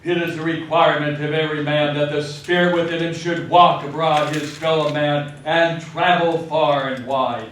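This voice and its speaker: An actor playing the mournful, doomed ghost of a dead business partner in a live radio drama, with slow, theatrical, wailing delivery. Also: male voice, fairly high pitch, fairly even intonation, fairly bright tone, a little hiss or hum, lightly acted. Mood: anguished wailing. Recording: very echoey hall, far from mic.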